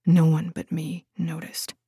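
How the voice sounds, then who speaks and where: A woman voicing a guarded young warrior who speaks in hushed, clipped whispers. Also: low voice, monotone, unhurried, slightly rough, no room sound, clean studio sound, full character voice. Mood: hushed, wary.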